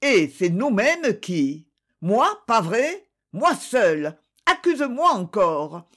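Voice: medium pitch, big pitch swings, slow, a bit bright. A reader voicing a sulky middle-aged innkeeper who grumbles defensively at his wife, in an audiobook. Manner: grumbling, muttered replies.

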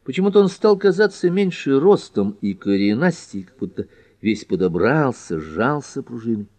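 A man narrating a detective novel as an audiobook in a measured, expressive reading. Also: medium pitch.

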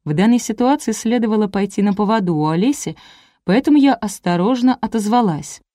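A woman narrating a first-person audiobook in a wry, lively storytelling manner. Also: medium pitch, fairly quick, dry recording, studio quality.

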